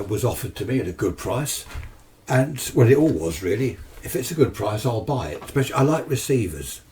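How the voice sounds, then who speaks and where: A fairly low, darkish male voice comes from a British amateur radio enthusiast talking casually about his hobby. His unscripted delivery is chatty, rambling and plain-spoken. He's recorded indoors at his home radio shack, with a distant microphone and a noisy room.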